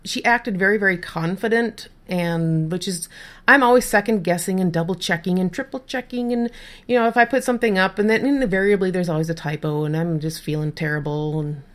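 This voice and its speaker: A woman's voice: on the low side, fairly quick. A woman co-hosting a podcast in casual chat, telling a self-deprecating story and often repeating words as she starts a sentence. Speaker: podcast co-host.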